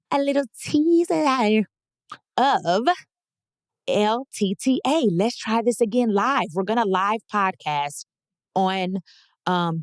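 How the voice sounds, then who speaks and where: A woman's voice: mid-range voice, no room sound, clean studio sound. A woman, hosting her podcast in a playful, hyped, slangy solo chat. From Dallas, Texas. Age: 30s. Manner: playful, hyped self-promotion with slangy asides. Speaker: podcast host.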